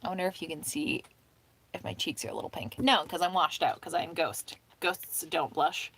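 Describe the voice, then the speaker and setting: A woman's voice: low-pitched, lively intonation, creaky, fairly bright tone, breathy edge. Chatty young woman rambling on a live stream. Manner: rambling, laughs often, frequent "um" and "like"; talks fast and mumbles at times. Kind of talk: casual live stream chat.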